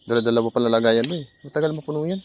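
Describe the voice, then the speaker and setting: A man vlogging outdoors at night among trees, excitedly pointing out finds and directing a companion. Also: mid-range voice, racing, highs cut off, slight background noise. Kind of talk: casual outdoor vlog narration.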